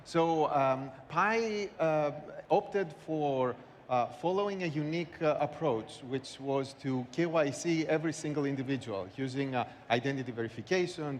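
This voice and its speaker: A man giving remarks as a conference panelist, with a halting, searching delivery. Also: medium pitch. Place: large conference hall. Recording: echoey hall, background noise.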